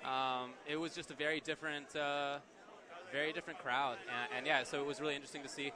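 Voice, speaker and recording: A young man co-hosting a casual chat, animated and laughing often, with lots of fillers. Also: fairly high pitch, quick pace, a crowd in the background. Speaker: co-host.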